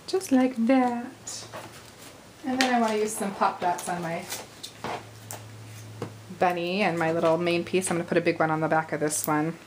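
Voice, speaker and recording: A woman in her thirties hosting a casual crafting tutorial, chatty and a little hoarse, with apologetic asides while she works at arm's length from the camera. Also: fairly low pitch, fairly even intonation, fairly quick, long pauses, a little hiss or hum, low-quality recording. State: slightly hoarse, losing her voice. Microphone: camera at arm's length over the craft table.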